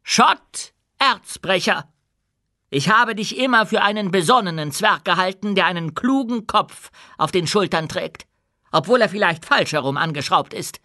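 A man voicing a commanding dwarf queen in an audiobook, speaking with loud, proud oratory. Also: high-pitched, expressive, moderate pace, no echo, clean studio sound, voice pushed up. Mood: stern. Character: commanding dwarf queen addressing her people. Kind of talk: audiobook character voice.

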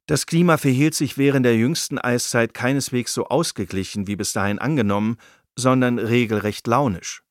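A man's voice: medium pitch, dry recording, studio quality. A man reading nonfiction in a scripted, engaged storytelling manner. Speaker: narrator.

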